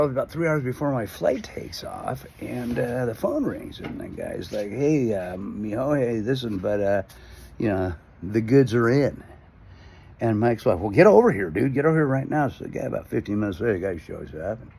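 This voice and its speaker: A man telling a comic story in a rambling way, with many fillers and restarts, jumping to loud, high quoted outbursts. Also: gravelly, slightly rough. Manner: rambling, self-interrupting with fillers, acting out quotes with loud jumps in pitch.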